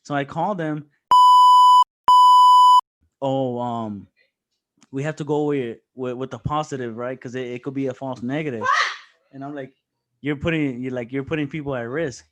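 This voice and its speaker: A man's voice: medium pitch, moderate pace, pauses often, slight background noise. A young man in casual podcast chat, telling a story with lots of swearing and laughter. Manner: animated storytelling, swears often, laughs a lot. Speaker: podcast co-host.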